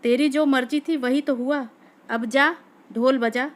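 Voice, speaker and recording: A woman's voice: high voice, fairly even intonation, unhurried. A woman voicing a young village man who is sullen, hurt and irritable, with curt, bitter retorts.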